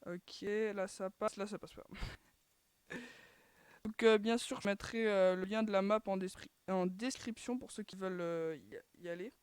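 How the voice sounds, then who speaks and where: Female gaming host with a dry, close sound and middling pitch, talking casually and hesitantly while she plays. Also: fairly even intonation, a little slow, darkish tone, smooth, no echo. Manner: chatty, filler-heavy, keeps sighing "too bad" at failed attempts. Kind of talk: casual gameplay commentary.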